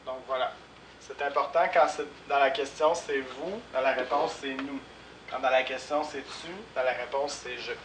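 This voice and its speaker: A man with a Québécois French accent, teaching a French lesson slowly and repeating words and spellings. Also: medium pitch, fairly even intonation, a bit bright. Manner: slow, deliberate, repeats words and spells them out. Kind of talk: slow classroom lesson. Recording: echoey room, voice from far off, clear background noise.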